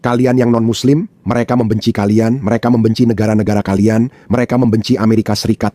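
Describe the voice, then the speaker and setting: A man from Pakistan delivers pointed commentary in a mellow, relaxed tone. He stresses his points by repeating them, and the dry recording has no room sound. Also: on the low side, fast talker, no echo. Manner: emphatic, repeats points for effect. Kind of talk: opinionated commentary.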